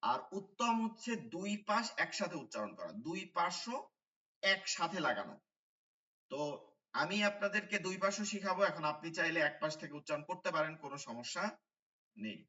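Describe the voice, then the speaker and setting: A man's voice: high voice, big pitch swings, moderate pace, bright, forceful tone, echoey room, distant mic, dull audio. A man teaching Quran letter pronunciation in an online class, patiently repeating the sounds and checking with his students. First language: Bengali.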